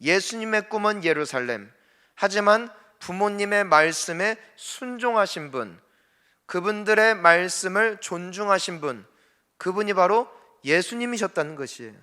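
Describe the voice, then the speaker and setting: A man preaching a sermon with a bright, forceful voice pitched a little high. He keeps asking his congregation questions, in earnest. His voice rings with the long reverb of a church hall. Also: lively intonation, moderate pace, smooth. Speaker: senior pastor. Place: church sanctuary.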